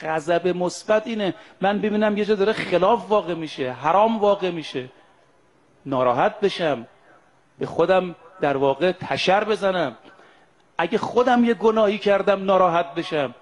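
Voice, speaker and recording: A man with a notably high voice preaches to a gathering of pilgrims. He chants Arabic prayer lines slowly, then breaks them down in everyday speech, often calling out to the brothers and sisters listening. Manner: slows down to chant Arabic prayers and quotes, then explains them in plain talk; addresses the audience directly, brothers and sisters. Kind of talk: sermon to pilgrims.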